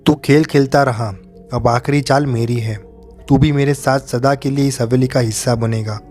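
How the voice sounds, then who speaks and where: A man voicing a vengeful, burned woman ghost in a spoken horror story, with a slow, low, menacing delivery. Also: fairly even intonation, a little mellow, soft background music, lightly acted.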